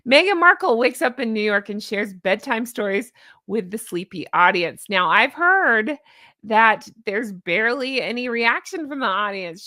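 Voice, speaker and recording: A woman's voice: on the high side, sharp tone, no echo, clean studio sound. A woman with a honking, goose-like voice hosting a casual reaction video in a jokey, exclamatory, chatty way. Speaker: YouTube host. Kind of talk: casual livestream-style reaction commentary.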